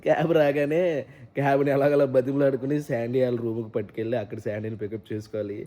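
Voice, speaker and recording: Fast-talking young man vlogging outdoors. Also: medium pitch, level tone, dark tone. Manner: chatty, teasing banter with friends. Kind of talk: casual travel vlog chat. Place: outdoors and in transit, airport and streets. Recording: noisy street and traffic sound.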